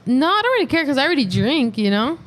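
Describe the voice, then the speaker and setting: A woman's voice: high-pitched, very animated, fast talker. A twenty-year-old woman chatting casually as a podcast guest, telling stories in loose slang with giggles. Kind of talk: casual chat.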